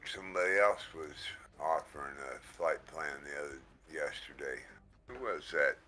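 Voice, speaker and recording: Guy streaming on a headset mic, low voice, bright edge, slow easy chatter. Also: soft background music. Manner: slow, easygoing, thanks viewers often. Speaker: livestream host. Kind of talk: casual livestream chat.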